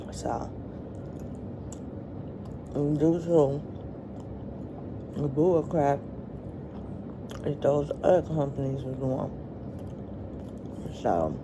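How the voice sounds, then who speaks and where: A middle-aged woman vlogger eats while chatting casually with her viewers, speaking in a halting, colloquial way. Her voice is a rumbling low, and there's background noise.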